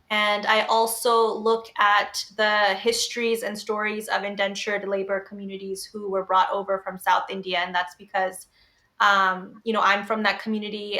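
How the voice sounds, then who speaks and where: Bright-voiced young woman co-hosting a podcast. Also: medium pitch, flat delivery, normal speed. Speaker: podcast co-host. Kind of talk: casual podcast conversation.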